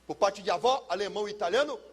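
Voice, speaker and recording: A middle-aged pastor with a high, gravelly voice and a husky edge tells his life testimony. He spins it like a dramatic story and sinks low and quiet at the painful parts. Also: fast. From São Paulo, Brazil. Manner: dramatic storyteller, drops low and soft for heavy moments. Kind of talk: personal testimony sermon.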